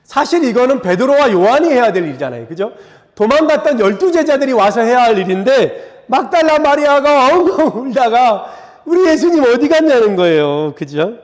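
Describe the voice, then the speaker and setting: A man delivers a sermon in a high, light voice that rings through a large sanctuary with long reverb. He talks conversationally, often checking in with the listeners, and slips into dramatic readings of scripture voices. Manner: conversational, asks the congregation for agreement. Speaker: pastor. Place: church sanctuary.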